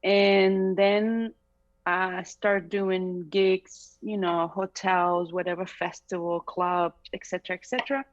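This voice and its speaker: A middle-aged singer from Chile, whose first language is Spanish, speaks with a Chilean accent in a casual, reflective interview, often laughing. Her lowish voice shows little pitch movement and moves slowly, heard through slightly dull video call audio from a bright room at home.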